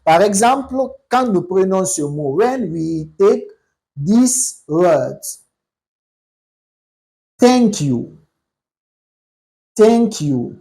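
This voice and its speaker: Slow, mellow English teacher. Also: mid-range voice, low-quality recording. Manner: slow and deliberate, repeats words for pronunciation. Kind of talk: slow spoken language lesson.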